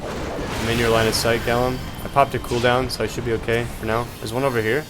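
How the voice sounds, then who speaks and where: Playful man gaming over loud background music. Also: medium pitch, level tone, fairly quick. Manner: playful, casual, jokey asides. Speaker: gamer playing an online game with a group. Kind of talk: casual gameplay commentary. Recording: loud game music behind. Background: game music.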